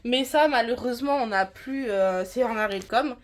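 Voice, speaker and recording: A woman's voice: fairly high pitch, normal speed. Chatty woman touring her manga shelves. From France. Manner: chatty, rambling, frequent hesitations. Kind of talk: casual vlog tour.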